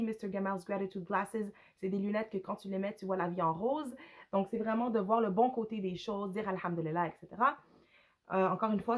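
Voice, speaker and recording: A woman with a Quebec French accent and a hoarse, gravelly voice, casually reviewing books in a hesitant, rambling way with English words slipped in. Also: medium pitch. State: hoarse, with a cough. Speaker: book reviewer, mother. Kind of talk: casual unscripted review to camera.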